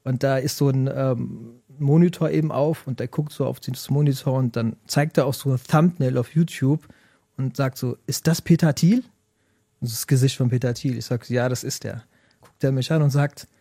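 A man's voice: mid-range voice, moderate pace, creaky, no room sound, clean studio sound. A middle-aged man from Germany, an author telling stories and explaining ideas in a conversational interview. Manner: animated storytelling, explanatory. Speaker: guest.

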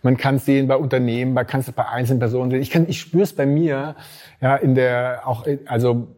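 A man's voice: mid-range voice, fairly even intonation, a little fast, mellow. A man from Swabia, a startup investor talking casually as an interview guest, hesitant with many fillers. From Swabia, Germany.

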